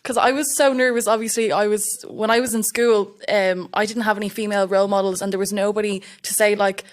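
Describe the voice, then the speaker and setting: A woman's voice: mid-range voice, fairly even intonation, quick pace. A young woman from Estonia, an electrical apprentice, chatting as a guest in an interview and acting out quoted remarks as she tells a story. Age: young adult. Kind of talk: casual interview chat.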